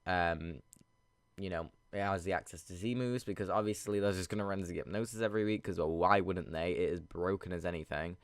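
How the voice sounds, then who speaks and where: A man with a low voice talks through a game in a casual, rambling way, thinking aloud as he goes. He sounds sniffly and congested from a cold. The recording is very dry, with little room sound. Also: fairly even intonation, a little fast, clear, resonant tone, no room sound. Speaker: video game battle commentator. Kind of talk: casual gameplay commentary.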